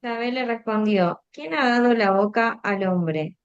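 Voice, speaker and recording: Woman reading scripture from afar, smooth. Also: on the high side, unhurried, lo-fi sound. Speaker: scripture reader.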